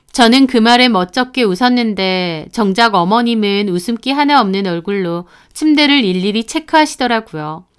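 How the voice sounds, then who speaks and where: A young woman tells her own story in a confiding, conversational way. Her voice sits a bit high and sounds smooth and clear. She speaks as if talking to a friend. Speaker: narrator. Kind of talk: storytelling narration.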